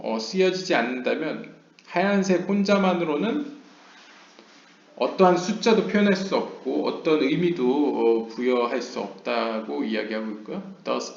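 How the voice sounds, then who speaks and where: A man giving a lecture. He reads English passages slowly and explains them at length, with frequent hesitation fillers. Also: mid-range voice, creaky. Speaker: lecturer on Kabbalah. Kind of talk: lecture, reading text aloud and explaining. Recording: roomy, dull lo-fi home recording.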